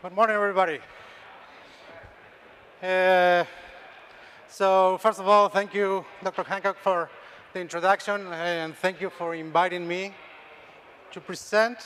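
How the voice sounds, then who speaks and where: A man's voice: sits high, level tone, a little slow, long pauses, a bit bright, slight background noise. A middle-aged man from Argentina with an Argentine Spanish accent, presenting research slides at a conference, often restarting words and checking in with "okay?". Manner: frequent restarts and tag "okay?". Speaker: extension dairy scientist, presenter.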